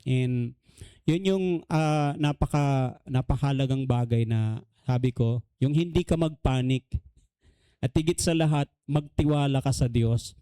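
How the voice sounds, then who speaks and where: Male Filipino pastor, warm smooth tone, testimony sermon, frequent hallelujahs. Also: mid-range voice, unhurried, long pauses. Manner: mixes in English, many hallelujahs, laughs lightly.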